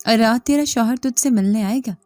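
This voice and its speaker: A woman's voice: fairly high pitch, fairly quick, warm tone, dry recording, natural voice. A woman voicing a cocky young male college student who mocks and smirks, in a storybook reading with faint music behind. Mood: mocking. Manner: smirking, mocking.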